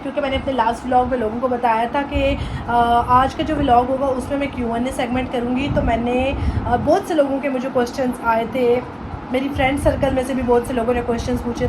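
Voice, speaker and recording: A Pakistani-accented woman in her twenties chats casually in a vlog, her voice high-pitched against a noisy background. She mixes in English phrases and some playful Punjabi.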